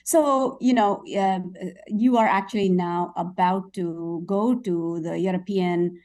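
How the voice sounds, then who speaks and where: A woman's voice: mid-range voice, slow, a little mellow, far from the mic. A woman hosting an interview show, effusive and chatty, with frequent fillers. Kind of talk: interview conversation.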